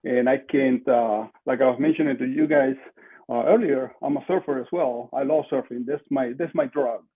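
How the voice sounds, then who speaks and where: Muffled, lo-fi video call audio captures an older man from Lima, Peru, a marketing entrepreneur appearing as a podcast guest, picked up by a computer mic at desk distance in a small room at home. He speaks conversationally with emphatic repetition and a Peruvian Spanish accent, in a mid-range, slightly rough voice at a moderate pace.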